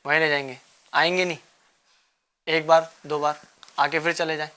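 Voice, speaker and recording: A man hosting a children's religious show, coaxing the kids with repeated questions and gentle teasing. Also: a little high, level tone, clean tone. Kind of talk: quizzing children in a studio class.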